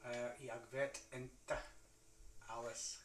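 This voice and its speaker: A man's voice: mid-range voice, level tone, extremely slow, over music. Scottish guy cracking dry jokes a bit away from the mic, roomy echo, faint noise. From Scotland. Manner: dry, joking, uses Scottish slang. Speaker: co-host and musician. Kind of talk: casual chat on a live stream. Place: home veranda during a live stream. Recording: echoey, from a distance.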